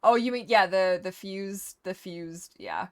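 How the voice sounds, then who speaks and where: A woman's voice: mid-range voice, a little slow. A woman chatting casually as she plays a game for viewers, a welcoming and playful host who talks straight to her audience. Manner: playful, teasing. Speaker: host of a live game stream and community server. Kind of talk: casual chat while playing a game.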